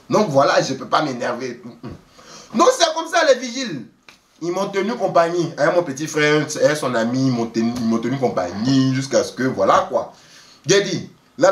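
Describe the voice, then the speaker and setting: A man telling a story in a lively, casual way, often laughing and acting out the people he quotes. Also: medium pitch, far from the mic. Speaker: vlogger telling a travel story. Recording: roomy echo, voice away from the mic.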